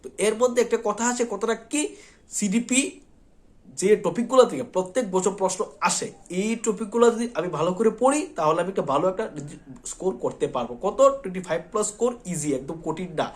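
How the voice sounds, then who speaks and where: A man's voice: high-pitched, quick pace. A man teaching an exam-prep lesson, repeating points and often checking in with his students. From Tripura, India. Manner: repetitive, reassuring, checks in often with "thik ache".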